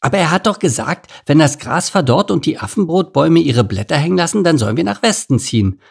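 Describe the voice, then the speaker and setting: A man's voice: on the high side, expressive, fast, vocal fry, slightly rough, pitched above the performer's own voice, heavily acted. A man voicing a small, earnest young male ground squirrel who sounds a little unsure of himself.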